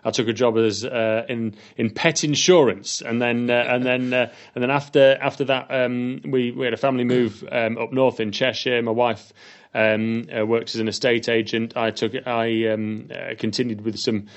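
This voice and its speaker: A man's voice: mid-range voice, little pitch movement, moderate pace, muffled recording. A man, a head teacher being interviewed, talking with many ums and restarts. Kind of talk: casual interview.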